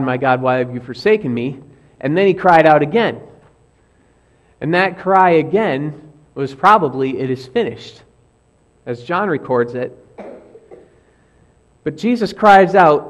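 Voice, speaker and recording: A man preaching a sermon as pastor, telling stories and quoting famous last words with lively emphasis. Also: medium pitch.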